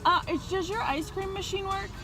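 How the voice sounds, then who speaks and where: A woman's voice: very high-pitched, steady tone, moderate pace, over music. A young woman vlogger sitting in her car, ordering food at a drive-through speaker in a polite, slightly hesitant way. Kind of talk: casual vlog chat.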